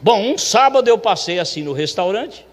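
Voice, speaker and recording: A man with a high voice tells a testimony from the pulpit, chatty and animated, and acts out the voices of the people in his story. His voice rings through a church sanctuary with a long reverb. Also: normal speed. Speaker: church elder telling a testimony.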